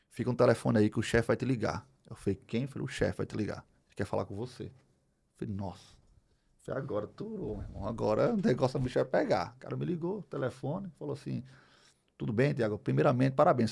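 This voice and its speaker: A middle-aged Brazilian man telling a personal story as a podcast guest, animated, acting out the dialogue as he goes. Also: mid-range voice, fast, creaky, slightly rough. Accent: Brazilian Portuguese. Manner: animated, acts out dialogue, many fillers. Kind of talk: storytelling in a casual interview.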